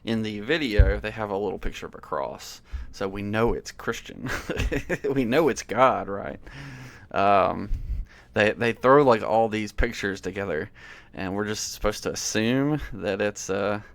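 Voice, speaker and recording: A man's voice: fairly low pitch, measured pace, vocal fry. A man from the American South giving casual commentary on worship song lyrics, amused and incredulous, with lots of fillers. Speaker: worship music critic.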